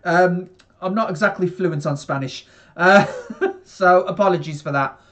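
A man's voice: high voice, unhurried, fairly bright tone. A young man from England commentating casually on a football match for a live stream, rambling with many fillers and talking to viewers in the chat from his bedroom on a headset. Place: small bedroom.

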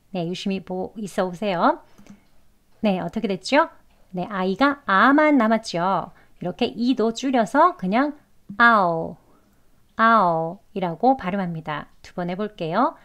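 Slow, patient woman teaching. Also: mid-range voice, expressive, a bit bright. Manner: patient, repeats each example twice. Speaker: English pronunciation teacher. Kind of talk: slow, deliberate pronunciation lesson.

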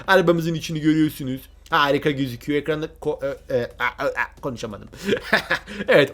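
A man giving excited gameplay commentary, often repeating words in bursts and talking straight to his viewers. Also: fairly high pitch. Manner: excitable, repeats words when thrilled, addresses viewers as friends.

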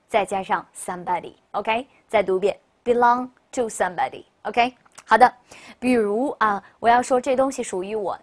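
A woman English teacher giving a recorded vocabulary lesson. She explains in Chinese in a chatty, upbeat way and slows right down to model each English word for listeners to repeat. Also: medium pitch. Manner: upbeat, chatty classroom delivery with frequent "OK, 好的".

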